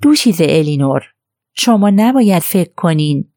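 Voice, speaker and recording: A woman voicing an earnest, lively young woman who speaks in an eager, somewhat hesitant way. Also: on the low side, dry recording, clean studio sound.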